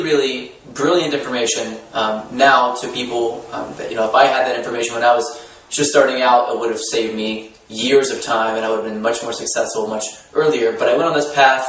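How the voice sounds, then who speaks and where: A man's voice: mid-range voice, a bit bright. A man coaching on dating, talking directly to the viewer in a persuasive, salesy manner and acting out moves as he explains them. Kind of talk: direct-to-camera pitch with demonstrations. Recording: roomy, distant mic with faint ambient noise.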